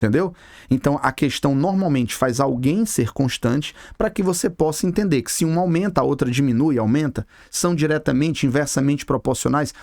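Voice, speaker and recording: A man's voice: on the high side, a little fast, a little mellow, no room sound, studio quality. A Brazilian man teaching a physics video lesson, chatty and talking straight to the viewer with casual slang. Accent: Brazilian Portuguese. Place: classroom with a board.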